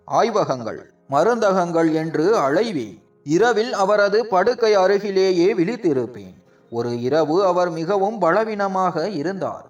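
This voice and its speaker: A man tells a story in the first person, his voice pitched high and moving widely in an emotional, measured way. He sounds set back from the microphone. Faint music plays beneath the narration. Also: far from the mic, highs cut off.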